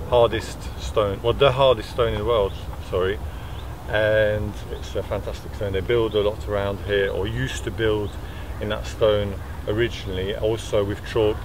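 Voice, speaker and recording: A man in his thirties, from Belgium, talking casually and hesitantly with many fillers while walking through the countryside valley. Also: lowish voice. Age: 30s. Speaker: furniture maker. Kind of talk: outdoor walking vlog. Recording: noisy outdoor recording.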